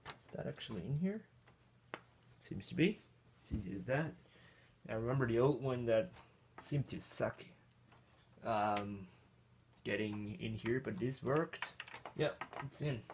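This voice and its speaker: A vintage computer hobbyist from Austria tinkers with an old computer in a casual, hands-on tech vlog, rambling to himself and chuckling often. His medium-pitched voice is animated and unhurried, with frequent pauses. There's noise in the background.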